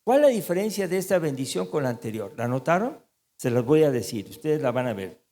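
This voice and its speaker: A man preaching a sermon as pastor, animated and asking the congregation questions. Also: mid-range voice, brisk, in a large hall. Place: church.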